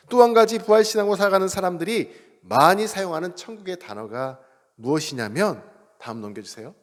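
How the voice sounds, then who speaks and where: A man's voice: high-pitched, big-room sound. A man preaching a sermon as pastor. He acts out cries of surprise and asks the congregation questions, then answers them himself. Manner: animated, acts out exclamations of surprise. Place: church sanctuary.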